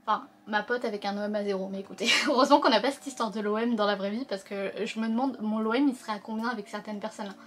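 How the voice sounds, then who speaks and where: A woman's voice: mid-range voice, fast, hardly any pauses, slight background noise. A young adult woman chatting through a story game as host, slangy and full of fillers, reading the characters' lines aloud along the way. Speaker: let's-play host. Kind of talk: casual gaming commentary.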